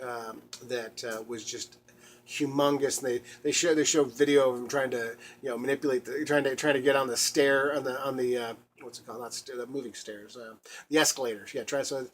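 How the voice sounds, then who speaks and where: A man's voice: mid-range voice, slight background noise. A man hosting a solo podcast, rambling casually with frequent restarts, fillers and laughs. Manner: halting, many restarts and laughs. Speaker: podcast host.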